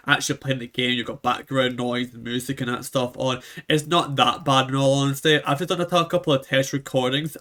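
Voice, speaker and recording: A man's voice: mid-range voice, bright, forceful tone. A man with a thick Scottish accent, chatting casually through a game he plays, rambling with lots of fillers. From Scotland. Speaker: gaming YouTuber. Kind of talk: casual let's play commentary. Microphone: echoey home mic. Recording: slightly echoey mic, faint game music.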